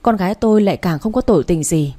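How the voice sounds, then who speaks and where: A man's voice: sits high, animated, mellow. A woman narrating a story voices a frightened middle-aged father who begs hurriedly for mercy for his daughters. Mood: pleading. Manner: hurried, begging.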